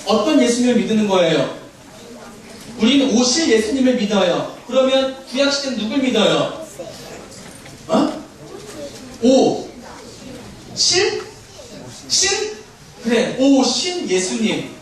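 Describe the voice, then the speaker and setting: A man, a children's pastor, giving a lively children's sermon and asking the kids questions. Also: very high voice, takes it slowly, long pauses. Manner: animated, talks directly to children with questions. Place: church sanctuary. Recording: echoey church hall, mic at a distance.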